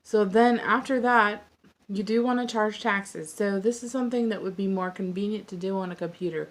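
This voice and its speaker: A woman in a fast, casual tutorial rant, sharing tips from running her own online store in a chatty, blunt, exasperated way. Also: medium pitch, steady tone.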